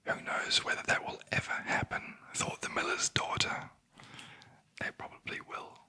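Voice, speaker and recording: Whispered sleep story narrator, ASMR, very breathy, crisp sharp sibilance, wry deadpan storyteller. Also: moderate pace.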